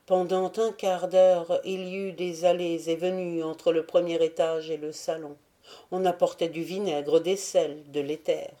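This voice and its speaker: A woman reading a novel aloud as an audiobook narrator, measured and dramatic. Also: fairly low pitch, little pitch movement, dark tone.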